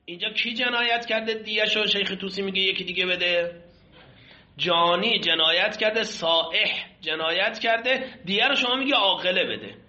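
Explaining a classical text on Islamic law, a seminary teacher with a high-pitched, sharp voice quizzes his students. The recording is dull and lo-fi, captured in an echoey room.

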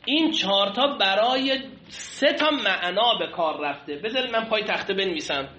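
A seminary teacher with a high, bright voice and lively intonation lectures a class on Islamic law texts, explaining step by step and often questioning students. The classroom has a whiteboard, and the recording is echoey, dull and lo-fi with a little hiss or hum.

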